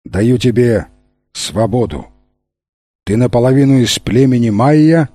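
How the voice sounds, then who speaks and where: A man reading aloud, voicing a blind old bandit judge who speaks softly and gravely, with slow, measured phrasing. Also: medium pitch, animated, no room sound. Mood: solemn.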